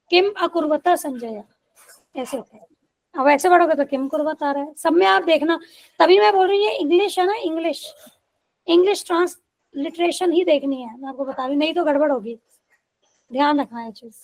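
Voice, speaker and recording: A woman's voice: very high-pitched, creaky, low-quality recording. A woman teaching a scripture reading class, patiently explaining Sanskrit pronunciation and checking in with her listeners. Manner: reads English passages slowly and deliberately.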